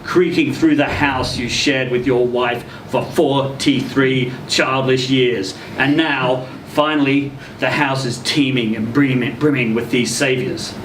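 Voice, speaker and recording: Performing the quotes as he goes, a reader at a live literary event delivers a short story in a theatrical, expressive manner. He speaks unhurriedly in a mid-range voice, with hardly any pauses. The indoor social venue comes through as a roomy, distant recording with noisy hum.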